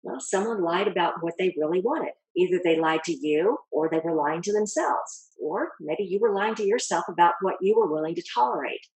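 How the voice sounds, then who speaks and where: Woman, self-help speaker, low voice, breathy, calm coaching tone, asks the listener questions. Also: brisk, hardly any pauses, low-quality recording. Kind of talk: motivational talk to camera.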